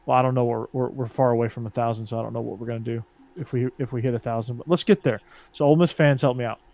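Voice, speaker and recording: A man hosting a casual sports podcast, relaxed and rambling, often trailing off quietly. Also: medium pitch, very fast. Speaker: podcast host.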